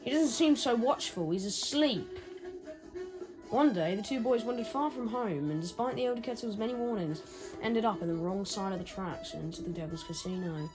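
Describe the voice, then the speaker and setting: Brief: woman gamer, animated reader of cutscenes, cracks jokes, game music loud underneath. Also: medium pitch, moderate pace. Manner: animated, jokey asides to the story. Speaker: gaming YouTuber. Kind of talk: reading game story aloud with commentary. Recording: game music playing behind.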